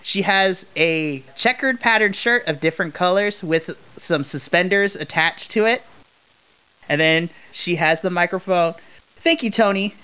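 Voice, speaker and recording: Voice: medium pitch, measured pace, pushed and bright, clean tone. A game master narrating a tabletop role-playing game in a descriptive, explanatory way.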